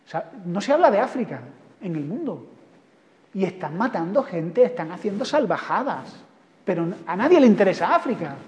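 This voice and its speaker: Animated Spanish man giving a talk. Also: sits high, normal speed. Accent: Spain. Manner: animated, wry, rhetorical questions. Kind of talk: lively public talk. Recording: dull echoey hall.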